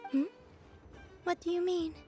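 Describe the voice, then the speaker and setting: A woman playing a gentle, reserved young moon goddess in a video game, soft, earnest and understated. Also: very high-pitched, steady tone, a little slow. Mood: quietly curious. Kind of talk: video game character acting. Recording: music behind the voice.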